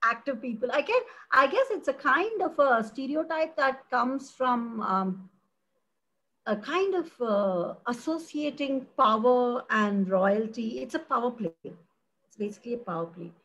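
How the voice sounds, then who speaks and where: A middle-aged woman from India talks about her work as a philosophy professor with open passion. Her voice sits high and slightly husky. She is expressive and animated, and she often restarts her sentences. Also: unhurried, highs cut off. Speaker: philosophy professor, interview guest. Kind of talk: passionate conversational interview.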